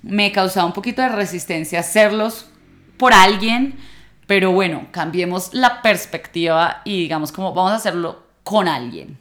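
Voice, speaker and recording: A woman in her late twenties talking reflectively to the camera about relationships, in a relaxed conversational way with fillers and restarts. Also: mid-range voice, moderate pace. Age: late 20s. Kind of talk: personal vlog monologue.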